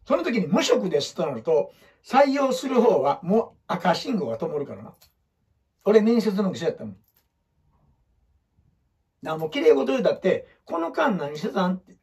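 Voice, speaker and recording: Man, Osaka Kansai accent, casual blunt advice talk, swooping and very expressive pitch. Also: moderate pace, long pauses. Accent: Osaka Kansai dialect. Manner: blunt, rambling, acts out quotes in other voices. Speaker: photographer giving life advice. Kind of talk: casual talk with whiteboard explanations.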